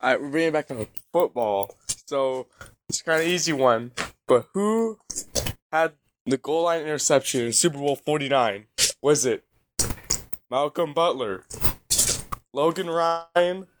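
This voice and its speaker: Slow, lively-voiced male co-host. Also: fairly high pitch, background noise. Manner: laughing, halting. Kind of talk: casual quiz chat.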